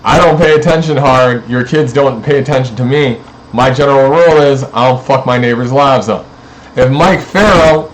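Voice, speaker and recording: A man's voice: mid-range voice, a little hiss or hum, poor audio. A man in a rambling, profane, accusatory monologue aimed at his neighbors.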